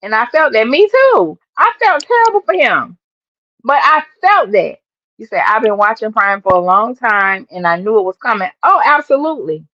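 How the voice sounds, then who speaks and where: Speaking directly to her viewers, a sports-fan woman chats emphatically on her own casual live stream. Her fairly high voice has a sing-song lilt and a moderate pace, and the dry recording carries dull lo-fi stream sound.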